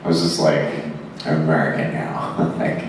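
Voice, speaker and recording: A man from Zimbabwe with a very low voice tells rambling, self-mocking stories to a convention crowd. He laughs often and leans heavily on fillers. The sound is picked up from a distance and rings through a big, echoing hall. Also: level tone, moderate pace, a little hiss or hum. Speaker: actor answering fan questions on a panel. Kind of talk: convention Q&A storytelling. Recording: echoey hall, mic heard from afar.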